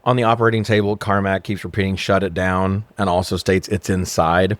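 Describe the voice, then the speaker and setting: With a low-sitting voice and flat delivery, a man talks fairly quickly as co-host of a casual movie-review podcast, recapping plots irreverently, jokingly and with lots of swearing. No room sound is audible.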